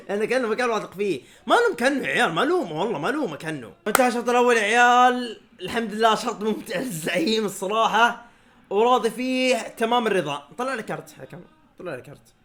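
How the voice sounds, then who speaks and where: Saudi male fan-streamer, excitable reaction commentary, high and lively, rapid delivery. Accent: Saudi Arabic. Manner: excitable, shouts at players and referee, frequent laughter. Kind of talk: live match reaction commentary.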